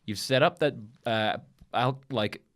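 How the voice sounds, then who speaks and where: A man's voice: mid-range voice, slow, a bit bright. A man co-hosting a film podcast, chatting casually and laughing often, with frequent restarts. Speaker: podcast co-host. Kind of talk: casual film-review chat.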